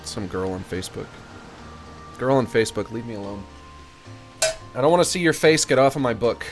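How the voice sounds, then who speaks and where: A man's voice: mid-range voice, animated, fairly quick. A man chatting casually on a livestream in a rambling, joking way, with strong hissy sibilance from his studio microphone. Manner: rambling, joking, chuckles at own jokes. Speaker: video game streamer. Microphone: expensive large-diaphragm studio condenser microphone. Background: music.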